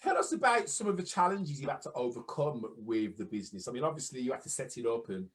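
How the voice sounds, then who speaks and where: Male podcast host, animated and jokey, wide pitch swings. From England. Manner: jokey, animated, quick to laugh. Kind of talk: casual interview chat.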